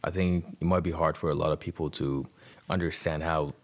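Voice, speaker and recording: A rapper in his twenties from Iran, whose first language is Persian, tells his personal story as a podcast guest in a very deep voice with fairly even intonation. He speaks a little fast with an Iranian accent, colloquially and conversationally, peppering his speech with "like" and "you know."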